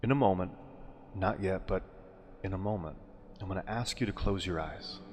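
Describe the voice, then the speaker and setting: Over music, a very low-voiced man guides a meditation with soothing, deliberate phrasing. He is a hypnosis and meditation guide who takes his time, leaves pauses between phrases, and is heavily washed in long reverb.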